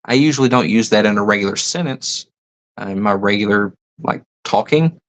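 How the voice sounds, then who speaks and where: A man's voice: lowish voice, fairly quick, fairly bright tone, poor audio. A man hosting a casual livestream, reading viewer comments and musing aloud, often stopping to rethink his words. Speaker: livestream host.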